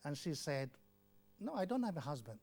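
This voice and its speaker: A former WHO country representative, an older Bangladeshi man, earnestly recalls his life for an interviewer. His fairly high voice has a sing-song lilt, a creaky, husky texture and a slightly mellow tone, at a moderate pace. He repeats words and voices the lines of remembered dialogue.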